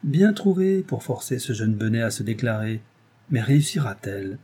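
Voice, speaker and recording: A man's voice: mid-range voice, sing-song, normal speed, mellow, husky. A man voicing a gleeful, scheming lawyer who snickers and gloats, in an audiobook reading. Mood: gloating. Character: scheming gleeful middle-aged male lawyer, sneering.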